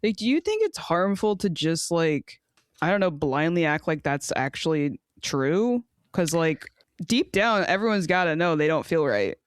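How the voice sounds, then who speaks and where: A woman's voice: sits low, lively intonation, measured pace, clear, resonant tone, no room sound, studio quality. A woman co-hosting a casual sports podcast, blunt and frustrated, swearing and laughing as she talks. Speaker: podcast co-host.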